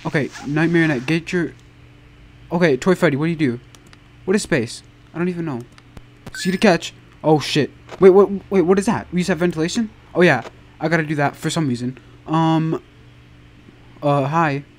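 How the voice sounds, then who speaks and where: A man's voice: fairly high pitch, moderate pace, a little hiss or hum. A young man giving casual let's play commentary as a game streamer, flustered and exasperated, swearing often. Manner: frequent profanity.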